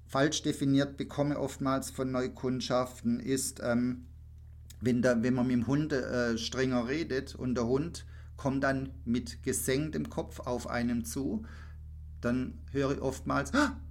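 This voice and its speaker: Chatting casually on a podcast, this man works as a dog trainer and speaks in a steady, medium-pitched voice. He's blunt and emphatic, playing out his clients' side in rapid back-and-forth.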